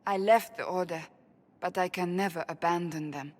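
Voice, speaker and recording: In this video game performance, a woman's lowish, near-everyday voice moves at a moderate pace. She plays a proud and devout female warrior whose delivery is formal, firm, and resolute.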